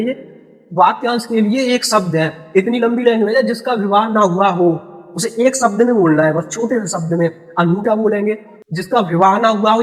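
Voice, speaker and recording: A young male teacher with a fairly high voice explains word meanings in a patient, repetitive way. He often asks a question and then answers it himself. His voice trails off into a long reverb. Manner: repeats key words and quizzes the viewer. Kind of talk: Hindi grammar lesson.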